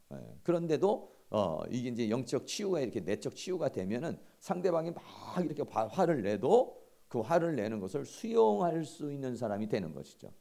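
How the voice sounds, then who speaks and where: A middle-aged man giving a seminary lecture in a conversational, animated way, acting out everyday quarrels. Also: mid-range voice, vocal fry.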